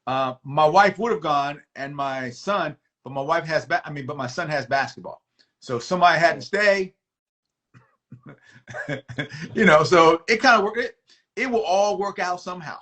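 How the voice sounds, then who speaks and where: A man, an emergency doctor, chatting as a guest on a video call, animated and friendly, laughing often and restarting sentences. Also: a little high, moderate pace. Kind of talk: casual interview chat.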